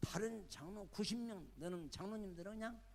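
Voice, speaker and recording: An older man, a retired senior pastor, preaching a sermon with lively storytelling and acting out the people in his stories. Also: high-pitched, brisk, slight background noise. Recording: long church-hall reverb.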